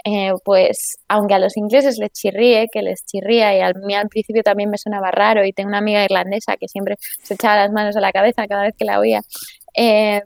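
An economist and author from Spain, a woman, is a guest in a conversational interview. Her gravelly, mid-range voice moves little in pitch and is brisk, with no echo, as she explains at length with frequent restarts and tag questions.

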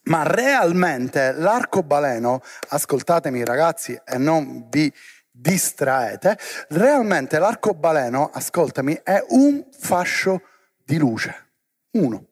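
High-voiced animated man preaching. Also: slow. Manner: animated, asks the crowd questions. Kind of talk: lively sermon to young people.

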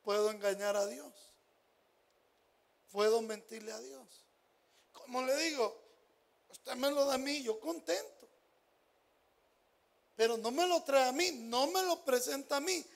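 A male pastor delivers a sermon in an unusually high voice with a gravelly edge. He moves slowly and deliberately. He alternates between quiet asides and loud, stressed phrases. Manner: emphatic preaching with rhetorical questions to the congregation.

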